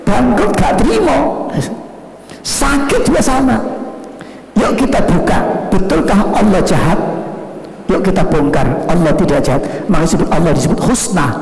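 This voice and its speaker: Gravelly, high-voiced male preacher. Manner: animated, swinging between loud emphatic shouts and low drawn-out phrases. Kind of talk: sermon. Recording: echoey room with music behind.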